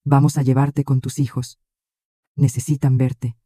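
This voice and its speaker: A man reading the lines of a calm, supportive male friend in a flat, measured way. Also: medium pitch, dry recording, clean studio sound, close to an everyday voice. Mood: reassuring.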